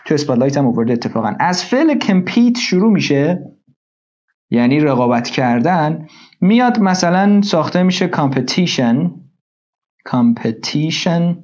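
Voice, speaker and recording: A man with a fairly high voice teaches an online language lesson. He explains and repeats words with frequent fillers and a lively tone. The sound is a bit dull and lo-fi. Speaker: English teacher.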